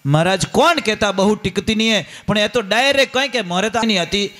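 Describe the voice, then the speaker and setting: A man's voice: high-pitched, lively intonation, fairly quick, bright, forceful tone. A man with a Rajasthani accent giving a folksy, storytelling sermon, often turning to ask his listeners questions. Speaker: religious storyteller.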